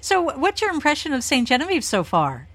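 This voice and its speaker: A woman's voice: sits high, wildly swooping pitch, fairly quick, a bit bright. Chatty woman radio host. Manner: friendly, chatty, frequent hesitations. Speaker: radio talk show host. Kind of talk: interview.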